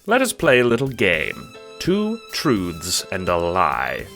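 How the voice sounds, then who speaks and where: A man's voice: sits low, wildly swooping pitch, slow, vocal fry, a bit bright, faint music behind, heavily acted. Man playing Doctor Scratch, pompous villain with swooping delivery. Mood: smugly courteous. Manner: pompous, wordy, affectedly courteous. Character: genteel, smug, theatrical cue-ball-headed guardian villain, male. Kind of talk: audio drama monologue addressed to the listener.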